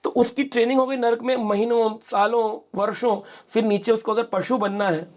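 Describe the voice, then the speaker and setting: A man's voice: very high-pitched, fairly even intonation, normal speed, darkish tone. A middle-aged man, a spiritual speaker, explaining scripture in an interview and acting out quoted speech as he tells stories. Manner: storytelling, mixes English words, acts out quoted speech.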